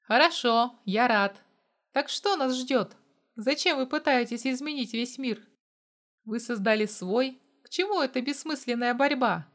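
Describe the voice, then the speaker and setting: A woman's voice: a little high, a little slow, a bit bright. Jealous stubborn young hero, read by a woman. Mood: defiant. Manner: irritable, defiant questions. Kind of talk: audiobook dialogue.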